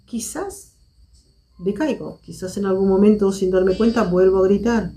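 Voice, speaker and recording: A woman hosting a live stream, speaking to her viewers in a measured, reflective way and repeating her key points. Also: medium pitch, fairly even intonation, dark tone.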